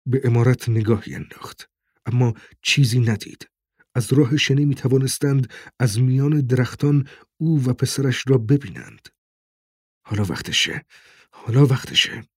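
A man narrating an audiobook in a steady, tense storytelling voice. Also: medium pitch, breathy edge, dry recording, studio quality. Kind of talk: scripted narration.

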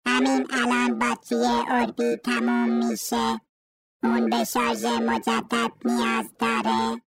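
A woman's voice: a little high, faint music behind, lightly acted. Orbi, a woman doing a stiff little robot. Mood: flat, insistent. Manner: flat, stiff, literal robotic speech. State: battery running down, voice sagging low and slow. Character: small dutiful robot talking of itself by name. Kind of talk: storybook reading.

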